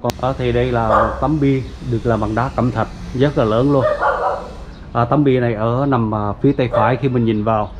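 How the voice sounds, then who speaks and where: A vlogger with a mid-pitched voice leads viewers around an old family grave site from a cemetery gate, narrating casually at a moderate pace with fairly even intonation. He's chatty, uses many fillers, and calls his audience "everyone." The lo-fi recording sounds dull, with faint outdoor noise.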